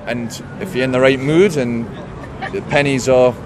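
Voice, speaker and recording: A man's voice: medium pitch, steady tone, moderate pace, background noise. A man giving a blunt, wry football opinion with colourful comparisons. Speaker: football fan interviewee. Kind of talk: casual opinion. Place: outdoors on a busy street. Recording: crowd chatter behind.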